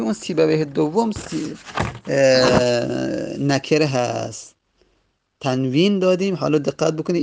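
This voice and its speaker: A man teaching a grammar lesson patiently, repeating each word form several times, his pace slowing and rushing by turns. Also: on the high side, vocal fry, a little mellow, a little hiss or hum. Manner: uneven pace, stretches some words and rushes others.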